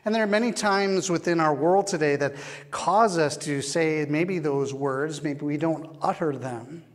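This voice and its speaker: A man preaching a sermon as pastor, slow and measured with long pauses, recorded in a church. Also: fairly high pitch. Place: church sanctuary. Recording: long church hall reverb.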